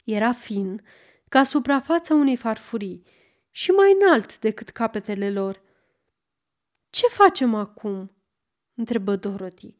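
A woman narrating a storybook aloud in a calm, measured reading. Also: fairly high pitch. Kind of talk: audiobook storytelling.

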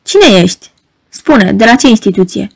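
In this audiobook narration, a woman with a gravelly, mid-range voice and lively intonation plays a proud, troubled wife. The character pleads urgently and sounds agitated.

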